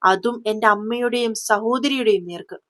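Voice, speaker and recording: A woman's voice: a little high, normal speed, natural voice. A woman voicing a stern, commanding police chief. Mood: furious. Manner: stern, shouting orders. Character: commanding fierce young woman police superintendent.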